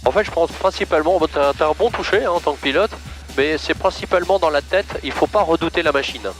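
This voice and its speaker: Calm pilot-instructor man on cockpit headset. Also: on the high side, quick pace, faint music behind. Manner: calm, encouraging, casual. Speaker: flight instructor. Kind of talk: in-flight coaching. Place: small aerobatic plane cockpit.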